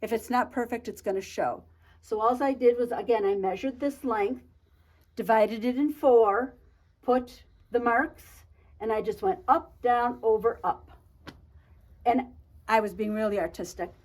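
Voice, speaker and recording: A woman giving a casual show-and-tell tutorial on her quilting projects, chatty, talking fast and a lot with frequent restarts. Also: fairly high pitch, darkish tone. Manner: chatty, talks fast and a lot, self-interrupting. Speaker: quilt shop co-owner showing projects.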